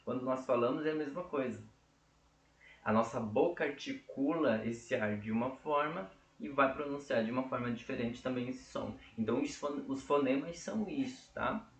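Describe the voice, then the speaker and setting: A man's voice: medium pitch, normal speed. A man teaching a casual lesson, explaining step by step and checking in often with his listeners. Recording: echoey room.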